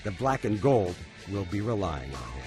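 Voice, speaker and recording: Male documentary narrator, low-pitched and expressive, wry and upbeat, studio read over a light music bed. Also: moderate pace. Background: soft music bed.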